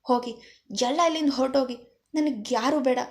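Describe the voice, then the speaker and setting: A woman's voice: high-pitched, normal speed. A woman voicing a young woman who pleads frantically and tearfully. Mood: angry. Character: young woman, desperate and grieving.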